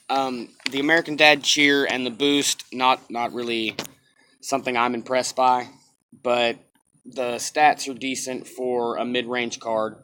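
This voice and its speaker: A man reviews a game in a casual, unscripted way, with a mid-range voice. He states his opinions plainly and often repeats a phrase to drive it home. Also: mid-range voice. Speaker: game reviewer commenting on new cards. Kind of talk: casual off-the-cuff review commentary.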